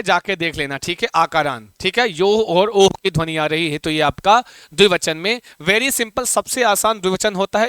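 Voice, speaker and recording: A man's voice: high-pitched, bright, forceful tone, clear, resonant tone, no room sound, clean studio sound. A man teaching a live online class in a chatty way, repeating key points and quizzing his students.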